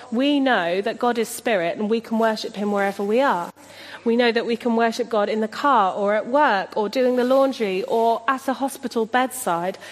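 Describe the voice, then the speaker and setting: A woman preaching a sermon in an earnest, reflective way as she retells a scripture story. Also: on the high side. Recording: long hall reverb.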